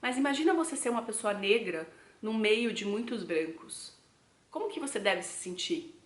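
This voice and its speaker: Speaking at a normal speed in an expressive, medium-pitched voice, a young Brazilian woman with a Brazilian Portuguese accent reflects casually for her vlog audience. As a travel vlogger she keeps it chatty and addresses them as "gente." Her room sounds echoey.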